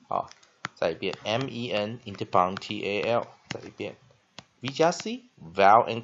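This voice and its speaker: Animated Taiwanese male English teacher. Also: medium pitch. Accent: Taiwanese Mandarin. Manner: spells out letters, repeats words slowly, frequent "ah" fillers. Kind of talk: classroom-style vocabulary lesson. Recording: dull lo-fi recording.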